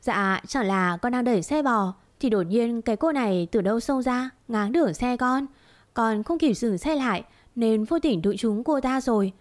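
A woman's voice: fairly high pitch, expressive, normal speed, no echo, natural voice. A woman doing a hot-tempered cart pusher. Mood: defensive.

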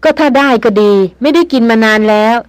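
A woman's voice: sits high, a little fast, dry recording, pitched above the performer's own voice, lightly acted. A woman reading the lines of a playful young male nobleman who teases his companions. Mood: teasing. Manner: playful, teasing.

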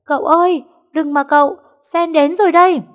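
A woman voicing a frantic, dramatic young maid who wails loudly and high. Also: steady tone, normal speed. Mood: frantic wailing. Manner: wailing, high and overwrought.

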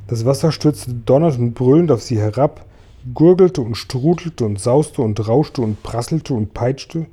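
Man, audiobook reader, children's story, calm expressive reading, very dark voice. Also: medium pitch. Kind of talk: storybook narration.

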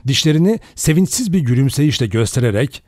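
A male audiobook narrator reading in a measured, steady way with an animated, lively pitch. The recording is dry and close, with no room sound. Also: no echo. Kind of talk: scripted narration.

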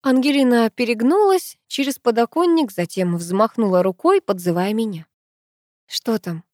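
A woman's voice: fairly high pitch, moderate pace, darkish tone, no echo, studio quality. A woman reading a novel aloud as first-person narrator. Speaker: audiobook narrator. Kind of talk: scripted narration.

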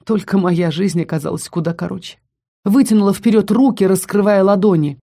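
A woman narrating a fantasy audiobook in an expressive, dramatic reading style that slows for tense lines. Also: mid-range voice.

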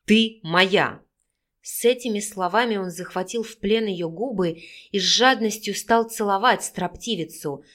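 A woman reading a romance novel aloud as audiobook narrator, with an expressive, steady delivery. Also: medium pitch, moderate pace, few pauses.

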